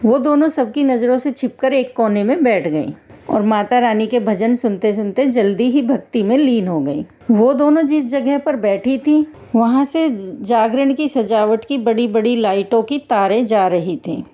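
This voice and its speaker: A woman narrating a devotional story in a measured, dramatic manner. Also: fairly high pitch, warm tone.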